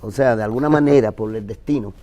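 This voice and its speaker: A man's voice: on the low side, fast, mellow. A Dominican man on a panel, earnestly jumping in to make his point. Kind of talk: panel discussion.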